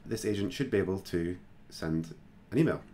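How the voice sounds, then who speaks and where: A man hosting a screen-recorded software tutorial, talking casually and thinking aloud with plenty of fillers. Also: low voice, expressive, normal speed, slight background noise. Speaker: tutorial host.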